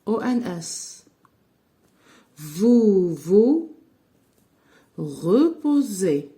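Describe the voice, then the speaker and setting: A woman teaching French, speaking very slowly and spelling out each verb ending letter by letter. Her voice is mellow and dark, and her pitch rises and falls a great deal as she dictates. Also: very animated. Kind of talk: slow classroom-style grammar lesson.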